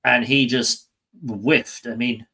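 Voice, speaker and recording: A man's voice: medium pitch, fairly even intonation, slow pace, gravelly, bright, forceful tone, slightly rough. A man with a British accent co-hosting a casual football chat show, chatty, often laughing and trailing off mid-sentence. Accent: British English. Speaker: podcast co-host.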